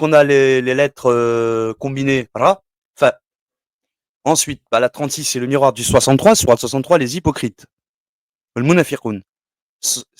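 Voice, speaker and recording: A man talks through his material in a loose, rambling way, full of fillers, restarts and asides to the listener. His voice sits at an ordinary middle pitch. The sound is dry and close, with no room behind it. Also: dry recording. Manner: rambling, many fillers and asides, switches between tu and vous. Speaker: religious numerology teacher. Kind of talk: casual explanatory talk.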